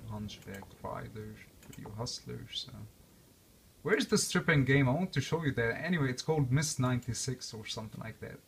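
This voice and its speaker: A young man born and raised outside the US, with a non-native English accent, gives a casual, unscripted walkthrough reviewing a game console. He's a relaxed, chatty vlogger with a gravelly, medium-pitched voice at a moderate pace, rambling with lots of fillers and restarts over slight background noise.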